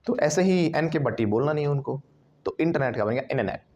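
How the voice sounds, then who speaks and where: A man with an Indian accent teaching a spoken English class, animated, drilling his students with call-and-response repetition. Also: fairly high pitch, fast talker, noisy background. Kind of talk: classroom lesson.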